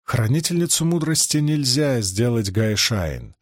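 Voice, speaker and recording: Lively male audiobook narrator, dry sound. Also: medium pitch, a little slow, no room sound. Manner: expressive storytelling reading. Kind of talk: scripted fantasy narration.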